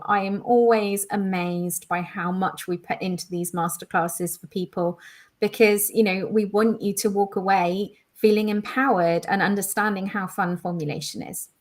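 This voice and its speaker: Woman cohosting a live stream quiz, chatty and enthusiastic, goes into lots of detail. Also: medium pitch. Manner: enthusiastic, explaining answers at length. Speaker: education manager co-hosting a live quiz. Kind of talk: casual live-stream chat.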